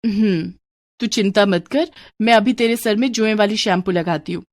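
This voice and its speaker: A woman voicing a gentle, caring mother who talks in a soothing, reassuring way in a storybook. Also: medium pitch, normal speed, dry recording, clean studio sound, close to an everyday voice. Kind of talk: storybook voice acting.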